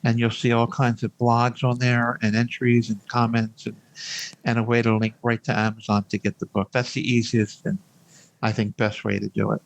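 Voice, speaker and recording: A man's voice: mid-range voice, flat delivery, normal speed, vocal fry, rough recording. An older man speaking conversationally as an interview guest, often repeating words as he works through his thoughts. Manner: hesitant, repeating words and phrases as he thinks aloud. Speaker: podcast guest, hospice nurse.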